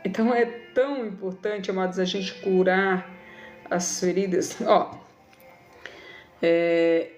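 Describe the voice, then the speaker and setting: A woman in her thirties talks to her live-stream viewers in a casual, affectionate way, calling them dear as she gives her advice. Her voice sits at a middle pitch. There is a roomy echo around her, with faint music behind. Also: fairly even intonation, takes it slowly, long pauses, a little mellow, highs cut off. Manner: affectionate, preachy, calls viewers "amada". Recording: echoey room with faint music.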